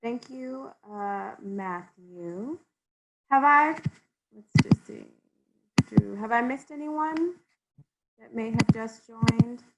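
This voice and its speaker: A woman's voice: on the high side, expressive, slow, long pauses, lo-fi sound, heavy background noise. Woman moderating a video call. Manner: friendly, apologetic, calls names.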